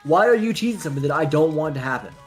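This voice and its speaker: A young man talking casually over a game, his voice swinging widely in pitch as he rants himself into a worked-up state. He stays animated and expressive the whole time, with faint music behind him. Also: racing. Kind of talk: casual gaming chat.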